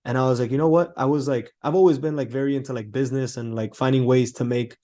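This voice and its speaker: Guest in his twenties, from Cuba, relaxed and conversational, ordinary middle-range voice. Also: medium pitch, fast. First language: Spanish. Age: 20s. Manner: relaxed, chatty, laughs easily, many "like"s. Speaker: guest, trader. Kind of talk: casual podcast interview.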